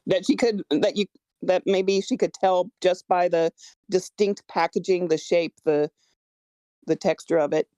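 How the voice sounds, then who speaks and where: Her fairly low, warm voice keeps a measured pace and fairly even intonation on a dry recording. She's a screenwriter casually discussing feedback on her script, hesitant and prone to stammering as she justifies her decisions.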